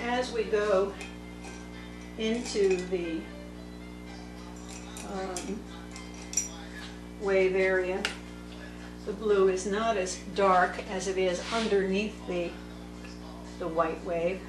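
Lady painting and talking slow, echoey room, music playing under her. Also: mid-range voice, steady tone. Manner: slow, thinking aloud while painting. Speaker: watercolor teacher. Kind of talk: unscripted painting tutorial narration. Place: indoor table workspace. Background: soft instrumental music.

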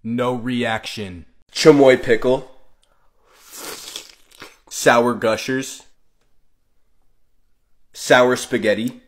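Male food challenge creator, mid-pitched, unhurried, deadpan, terse item-by-item delivery. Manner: clipped short phrases listing items.

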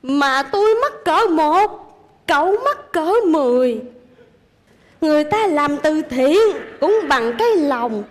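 A woman's voice: high voice, very animated, takes it slowly, long reverb tail, heavily acted. A proud poor old grandmother. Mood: dignified reproach. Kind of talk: comedy sketch acting.

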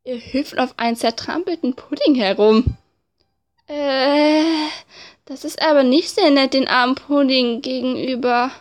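A woman with a high voice narrates a visual novel game. She reads the text expressively and drops in informal, casual asides. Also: fairly even intonation, unhurried, soft background music. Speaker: let's play narrator.

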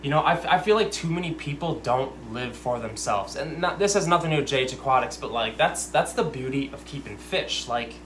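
A man's voice: mid-range voice, expressive, brisk, few pauses, a bit bright, a little hiss or hum. A young man hosting an aquarium channel, chatting casually and rambling into ranty, self-aware asides while reading viewer comments. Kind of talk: casual livestream chat. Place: fish room with lit aquariums, indoors. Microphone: desk camera at close range.

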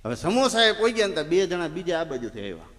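High-voiced comic storyteller. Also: male voice, quick pace, big-room sound. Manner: animated storyteller acting out villagers, shouting punchlines. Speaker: folk comedian.

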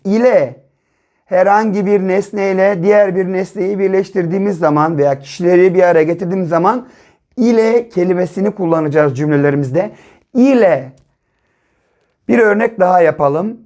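Mellow, slow-sounding primary teacher. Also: medium pitch. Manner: slow, syllable-by-syllable sounding out with repeated tag questions. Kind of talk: early reading lesson for children.

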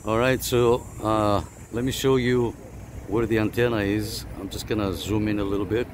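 A man with a lowish, fairly even voice speaks at a normal pace over a faint hiss or hum. He runs a radio channel and vlogs, chatting casually on CB radio from a parked car before walking through things on camera outdoors, full of radio lingo, repetition, and lots of fillers.

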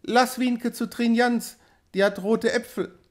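A man's voice: very high voice, steady tone, takes it slowly, voice pushed up. A man reading an audiobook, voicing a frightened little girl with a small, pleading manner. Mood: excited.

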